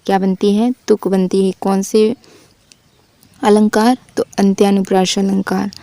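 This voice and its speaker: A woman teaching grammar, asking questions and answering them herself, and reading verse examples slowly. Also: medium pitch, flat delivery, mellow, no room sound. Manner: drills with repeated questions and answers. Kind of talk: Hindi grammar lesson.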